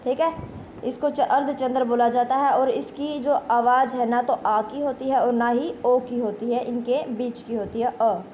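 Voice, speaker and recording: A woman's voice: a little high, steady tone, a little slow, dark tone, slight background noise. A woman teaching a grammar lesson to exam students, explaining step by step, asking questions and answering them herself. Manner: addresses pupils as children, repeats "ठीक है".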